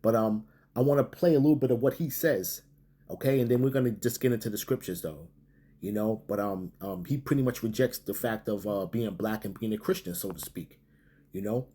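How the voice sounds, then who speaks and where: A man teaching his religious group in a sermon-style talk, halting and full of fillers, often tagging lines with okay and man. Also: fairly low pitch, warm tone, husky.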